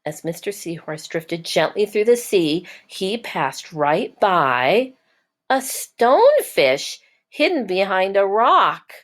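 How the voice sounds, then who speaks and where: A woman teacher narrating a children's storybook in a measured, explanatory way for young listeners. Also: medium pitch, big pitch swings. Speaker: teacher reading aloud.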